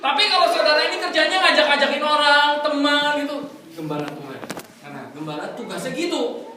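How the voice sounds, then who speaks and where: A man from Indonesia preaching a sermon in a lively, joking way, drawing call-and-response from the congregation. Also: high voice, distant mic. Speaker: pastor. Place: church fellowship hall. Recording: echoey hall, mic from afar, congregation.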